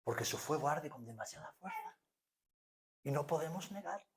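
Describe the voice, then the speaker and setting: A male pastor in his forties with an accent from Spain, preaching a sermon that swings from hushed to loud. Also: a little high, animated, normal speed, vocal fry. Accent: Spanish from Spain.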